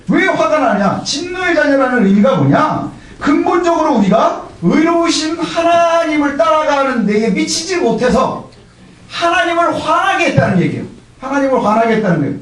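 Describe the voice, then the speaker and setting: A man's voice: very high-pitched, very echoey, recorded from a distance. A man preaching a Sunday sermon as pastor. He talks in a conversational way, asks questions and answers them himself, and often drops a short "yes" between phrases. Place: church sanctuary.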